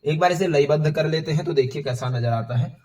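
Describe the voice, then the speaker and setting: A man teaching how to recite Sanskrit verses, explaining hard words and chanting them slowly, syllable by syllable, at a whiteboard. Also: fairly high pitch, mellow, distant mic. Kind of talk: step-by-step recitation lesson.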